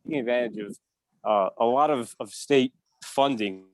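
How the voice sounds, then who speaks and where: A man calling in to give public comment, his call audio choppy with volume cutting in and out, speaking haltingly with many fillers. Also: mid-range voice, no echo, poor audio. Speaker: public commenter calling in to a city council meeting. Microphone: remote call-in line.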